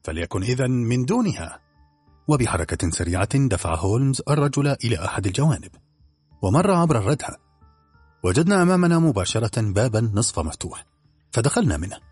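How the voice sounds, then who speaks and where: A man narrating an audiobook in an expressive storytelling manner. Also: mid-range voice, fast, slightly rough, no room sound, faint music behind.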